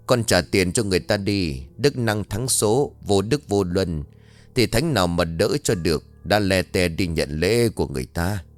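Menacing young fortune teller for an audio ghost story, low, harsh and hissing, read by a male narrator. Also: lively intonation, moderate pace, soft background music. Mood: scolding.

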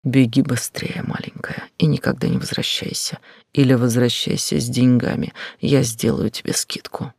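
A man voicing a cynical young male hustler, speaking in a low, husky, menacing half-whisper. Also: flat delivery, normal speed, a little mellow, no echo, clean studio sound. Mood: cold mocking.

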